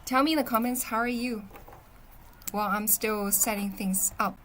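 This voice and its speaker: On a rough recording with a little hiss or hum, a young livestream host from Shanghai talks at a moderate pace in a slightly high, steady, somewhat bright voice. Chinese is her first language, and she chats casually, reads viewer comments and answers them, often adding "okay?"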